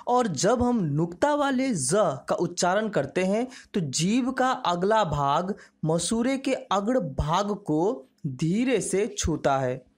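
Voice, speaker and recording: Slow, careful Hindi pronunciation teacher. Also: mid-range voice, sing-song. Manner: slow, carefully articulated, demonstrating sounds. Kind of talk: slow instructional lesson, word drills.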